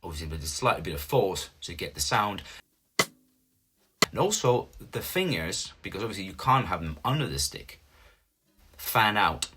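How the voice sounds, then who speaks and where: A deep-voiced man in his thirties from Finland patiently explains drum notation step by step, teacher-style, making small slips in his English. His Finnish accent is clear, and the background is noisy.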